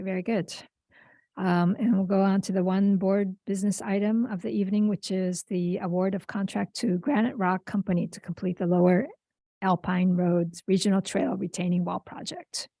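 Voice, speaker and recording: A woman chairs a public board meeting in a hesitant, halting way. Her voice is gravelly and mellow. The sound is close and dry. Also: mid-range voice, no echo. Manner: hesitant, with many fillers and restarts.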